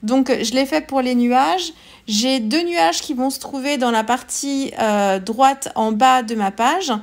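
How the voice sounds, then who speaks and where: Brief: woman, craft tutorial host, chatty and hesitant, a bit high. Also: slow pace. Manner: chatty, hesitant, many fillers and restarts. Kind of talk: casual craft tutorial voice-over.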